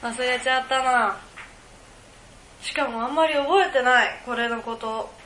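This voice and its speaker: Woman, podcast host, rambling casual chat, giggly, bright voice, echoey room. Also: high voice, unhurried, a little hiss or hum. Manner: rambling, giggly, thinks aloud.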